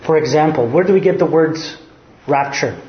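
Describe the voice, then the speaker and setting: A Serbian pastor with a Serbian accent preaches a sermon at a moderate pace, his voice on the high side. He teaches earnestly, posing rhetorical questions and answering them himself. The audio is reverberant with the highs cut off.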